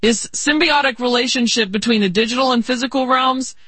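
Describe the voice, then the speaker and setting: A narrator delivers a theatrical tale in nature-documentary fashion, with grandiose phrasing and hesitant pauses. The voice is husky and recorded very dry, close and without room sound. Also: medium pitch, sharp tone, dry recording. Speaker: narrator presenting an imaginative tale.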